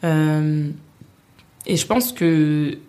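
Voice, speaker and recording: Reflective woman with a low voice. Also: drawn-out words, warm tone, clean tone. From France. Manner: reflective, with many hesitations. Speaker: guest. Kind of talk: casual podcast conversation.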